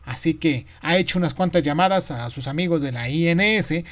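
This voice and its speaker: A man voicing an excited young wife who talks eagerly on the phone. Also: a little high, fairly quick, voice pushed up, natural voice.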